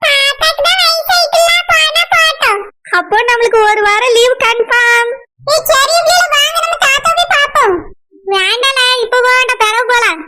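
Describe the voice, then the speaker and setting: Woman playing cheeky scheming village children, southern Tamil accent, very high pitch, bright tone. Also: animated, fairly quick. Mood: playful. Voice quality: cheeky, playful. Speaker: cartoon voice artist.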